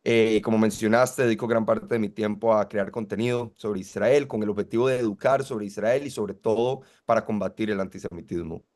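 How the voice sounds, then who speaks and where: A man, a student activist answering interview questions in a measured, articulate way. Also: lowish voice, fairly even intonation, darkish tone. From Costa Rica. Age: 20s. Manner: articulate, measured, argues point by point.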